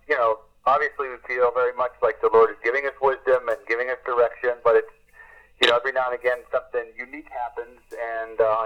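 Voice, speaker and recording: A man speaks over a walkie-talkie, so his voice comes through a muffled, lo-fi radio link. His pitch sits in the middle range. He gives a calm, earnest report, pausing often with "uh" and closing each turn with "over". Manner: earnest, unhurried, with many "uh" fillers. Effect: heard over a walkie-talkie radio link. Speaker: missionary reporting from the field. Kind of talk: two-way radio report, ending turns with "over". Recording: dull lo-fi radio transmission.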